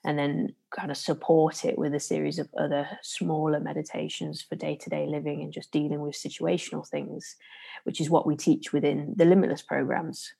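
A podcast host and meditation trainer from the Leicester area of England's East Midlands explains things casually but with careful diction, speaking so as to be understood, in a Leicester accent. Her low-pitched voice is warm with vocal fry, delivered flatly at normal speed. The recording is slightly rough.

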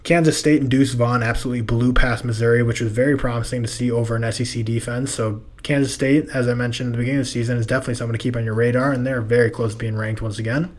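A young man hosting a casual sports podcast, hoarse and losing his voice, rambling and loose in his talk. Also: mid-range voice, fairly even intonation, rapid-fire, hardly any pauses. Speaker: podcast host.

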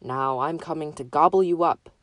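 A woman's voice: low voice, normal speed, dry recording, close to an everyday voice. A woman voicing a great ugly male troll who roars and menaces, in a storybook reading. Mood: menacing. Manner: roaring, menacing.

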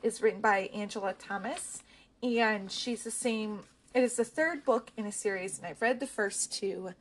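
A woman vlogger chatting casually about books she has read, pausing often with ums and restarting her thoughts. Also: mid-range voice, slight background noise. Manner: hesitant, with frequent ums and restarts. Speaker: book vlogger. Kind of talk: casual book chat.

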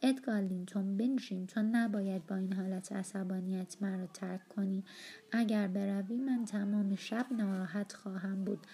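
A woman's voice: medium pitch, fairly even intonation, dark tone, breathy edge. A woman reading an audiobook, voicing a proud, willful young woman who pleads insistently. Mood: pleading.

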